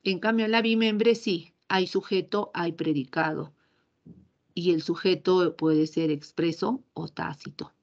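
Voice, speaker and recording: A woman's voice: fairly low pitch, steady tone, unhurried, muffled recording. A woman teacher giving a grammar lesson, explaining patiently and often checking in with short tag questions.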